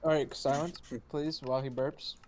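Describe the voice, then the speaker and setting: A man's voice: medium pitch, flat delivery, normal speed, darkish tone. A man hosting a casual contest in an online voice chat, announcing in a bossy, mock-formal way. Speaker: host of an online burping contest. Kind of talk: casual game-show banter on a group voice chat. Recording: noisy voice-chat mic with keyboard clicks.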